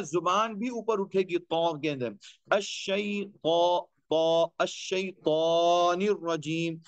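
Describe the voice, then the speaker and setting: A man teaching Quran recitation, patiently repeating each letter sound slowly as he demonstrates where the tongue should touch. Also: sits high, fairly bright tone, no room sound. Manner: points at his own teeth and tongue while explaining. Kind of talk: tajweed lesson.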